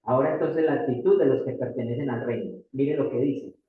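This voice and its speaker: In a church hall, a Colombian pastor with a Paisa Spanish accent delivers an emphatic sermon full of repeated phrases and rhetorical questions to the congregation. He speaks fairly quickly at medium pitch, and the distant, echoey room sound is thin like a phone call.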